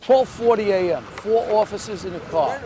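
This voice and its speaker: A former police officer hosts and narrates a police reenactment in a scripted style, also asking interview questions. His voice is high and animated at a moderate pace. The rough recording carries a crowd and faint noise in the background.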